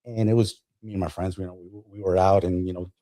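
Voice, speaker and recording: A man's voice: deep voice, steady tone, fast talker, dark tone. A man from Colombia, a retired Marine guest, telling stories casually with many hesitations and easy humor. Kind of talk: casual interview storytelling.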